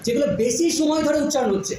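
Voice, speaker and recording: A woman's voice: high-pitched, rapid-fire. A woman teaching a phonetics lesson to a class, patiently repeating sounds and often checking that students follow. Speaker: school teacher. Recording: very echoey room, noisy background.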